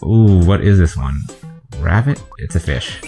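A man's voice: sits low, expressive, unhurried. A man hosting a let's play, chatting and guessing aloud to himself as he plays through a video game. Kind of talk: gameplay commentary. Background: faint game music.

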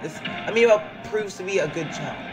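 A gameplay commentator excitedly cheering on a computer-controlled fighter, with frequent hyped outbursts. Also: medium pitch, a little fast. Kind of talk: excited let's-play commentary. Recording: game music loud behind voice. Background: game music.

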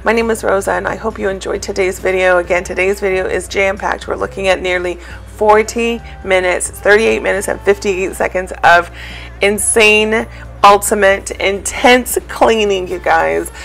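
A woman's voice: mid-range voice, steady tone, moderate pace, gravelly, a bit bright, faint music behind. A woman talking casually in a voice-over for her cleaning vlog, rambling with many fillers. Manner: chatty, rambling with many ums. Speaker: cleaning vlogger.

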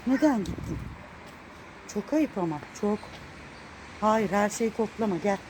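A woman's voice: medium pitch, lively intonation, measured pace. A woman walking through her neighborhood and filming on a handheld phone, fondly coaxing and scolding her pet cat to follow her. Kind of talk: casual walking vlog. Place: outdoors on neighborhood streets. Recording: noisy outdoor street recording.

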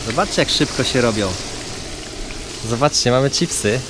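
Outdoors by a caravan at a campsite, a man from Poland, a father and vlogger, chats his viewers through each step of a how-to. His medium-pitched voice is expressive and normally paced, and background noise can be heard.

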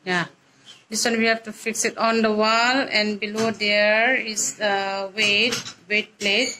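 A woman's voice: mid-range voice, level tone, slow pace, bright, forceful tone, poor audio. A woman filming a casual home unboxing vlog indoors on a phone, hesitant and searching for words. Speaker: vlogger filming the assembly. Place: indoor living room at home.

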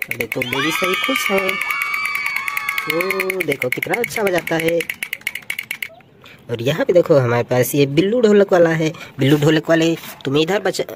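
A woman's voice: sits low, background noise. A woman narrating a toy play video for children, exclaiming and sing-song, full of "wow" and "oh no".

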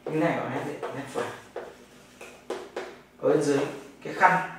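A man's voice: fairly high pitch, normal speed. A man from Vietnam with a Northern Vietnamese accent, teaching a classroom language lesson, explaining step by step and answering his own questions. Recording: very echoey room, mic far off, noisy.

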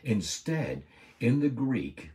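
A man giving a Bible lesson as a sermon, preaching emphatically and slowing down hard on key words. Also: medium pitch, very animated, mellow. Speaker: Bible teacher. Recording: voice a bit far from the mic.

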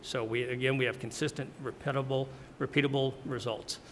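A middle-aged man speaking as a home builder on a policy panel, plainspoken and earnest, often clearing his throat, into a table mic in a wood-paneled hearing room. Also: medium pitch, steady tone, a little fast, a little hiss or hum. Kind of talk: panel presentation. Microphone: table mic on stand.

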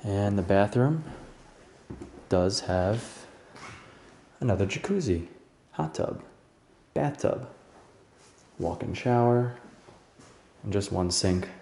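An urban explorer filming a tour of a large, empty house narrates casually as he walks through it. His deep, mellow voice is slow and relaxed, musing with long pauses and low-key asides. The camera mic catches a faint hiss behind him.

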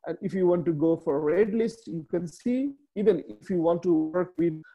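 A man in his thirties from Bangladesh, speaking with a Bangladeshi accent and Bengali as his native language, presents slides as a webinar speaker on a video call. He works from a small room and speaks in a halting way, with many fillers and restarts. His voice is high, and the audio is dull.

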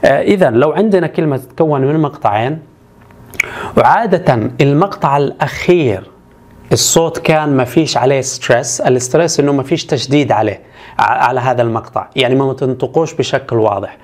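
A man teaching English spelling rules, who repeats each example word slowly and carefully. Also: mid-range voice, a little mellow. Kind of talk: explanatory spelling lesson.

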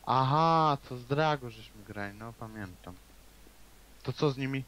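A man's voice: mid-range voice, unhurried, a bit bright. A man chatting casually and crudely while playing a video game. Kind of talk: casual gaming chat.

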